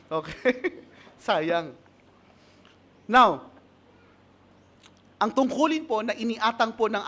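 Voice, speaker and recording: Man, pastor, Filipino accent, high voice, sermon with light humor. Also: fairly bright tone. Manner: mixes in English, asks the congregation, laughs at his own stories.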